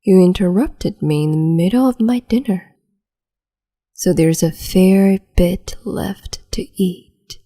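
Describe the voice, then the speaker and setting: In an ASMR roleplay, a woman plays a cruel, capricious empress, whispering softly and condescendingly with sweet menace right up close to the mic. Her breathy whisper sits lowish and moves slowly.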